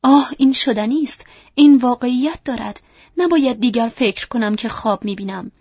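A woman voicing a brooding, yearning blind middle-aged gentleman, earnest and pleading, in a dry, dull lo-fi recording. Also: a little high, no room sound, lightly acted. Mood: disbelieving.

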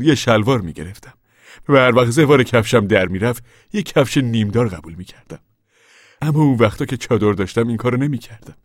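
An actor playing a reflective male former preacher in a radio drama, speaking quietly and thoughtfully. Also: mid-range voice, dry recording, studio quality, close to an everyday voice. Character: soft-spoken male wandering former preacher.

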